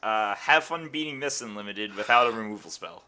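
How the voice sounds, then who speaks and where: A young man co-hosting a card review, joking and bantering with quick stammered restarts. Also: lowish voice, pushed and bright, a little hiss or hum. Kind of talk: casual chat.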